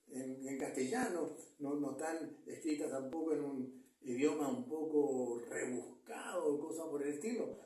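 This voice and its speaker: This pastor's voice runs high and warm as he delivers a heartfelt sermon, often repeating himself and turning to the congregation with "¿ya?". He's recorded from a distance in a church hall full of echo.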